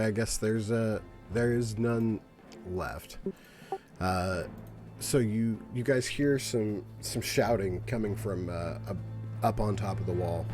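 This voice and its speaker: A man narrating a tabletop fantasy game as game master, with measured, hesitant, descriptive phrasing. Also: low-pitched. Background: background music.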